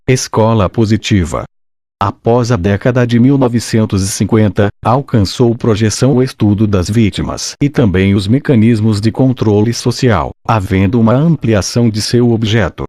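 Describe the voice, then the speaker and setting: A robotic-sounding male narrator with a Brazilian accent reads study material aloud. His voice is on the low side and quite dark and soft-edged. The delivery is formal and measured, and the sound is very dry, with no room around it. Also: no echo. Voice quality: robotic, synthetic. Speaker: narrator of an exam study summary. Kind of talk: scripted educational narration.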